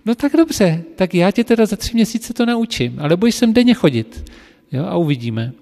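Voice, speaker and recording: Brisk shrill lady instructor, high and loud, played by a man, in a reverberant space. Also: very animated, vocal fry, full character voice. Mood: amused.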